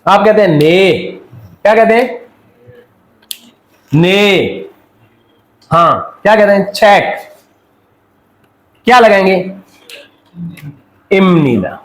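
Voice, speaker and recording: A man's voice: high voice, animated, extremely slow, pauses often, roomy sound, rough recording. A man from Pakistan teaching a Korean language class, drilling students by asking questions and answering them himself. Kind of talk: classroom lecture.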